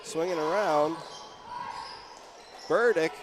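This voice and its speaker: A young man calls a high school basketball game play by play, his voice sitting somewhat high and climbing into shouts when a shot drops. The live gym hum and bouncing balls stay audible under him. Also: slow pace. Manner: excited, rising to shouts on big plays. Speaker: play-by-play commentator. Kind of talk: live sports commentary.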